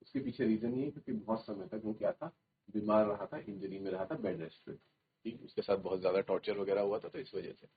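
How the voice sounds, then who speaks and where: A male teacher reading a story slowly in English and explaining it to his class in Hindi. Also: on the low side, animated, breathy edge, phone-quality sound.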